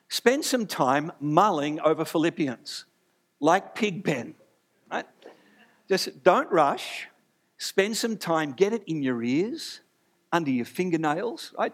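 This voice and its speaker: A man preaching a sermon to a live church congregation, chatty and joking with them as he talks. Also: fairly high pitch. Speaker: pastor.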